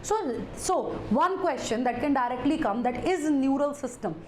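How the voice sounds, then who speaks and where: A woman's voice: high-pitched, animated, moderate pace, a little mellow. A woman with a North Indian accent lecturing live to students as their teacher, repeating phrases, addressing them directly and dropping in Hindi interjections. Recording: echoey room, faint background noise.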